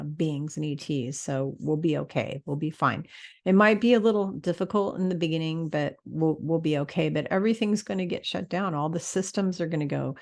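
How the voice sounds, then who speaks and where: Gravelly-voiced woman in a chatty vlog. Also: low-pitched. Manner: chatty, rambling, frequent fillers and restarts. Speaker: spiritual vlogger. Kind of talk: casual talk to camera.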